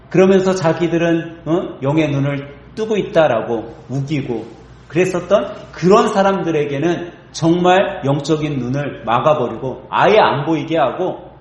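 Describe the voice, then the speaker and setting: A male pastor delivers an expository sermon with a lively voice that keeps rising and falling. He draws the congregation in with rhetorical questions as he preaches. His voice rings through an echoey church hall. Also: fairly high pitch, a little hiss or hum. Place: church sanctuary.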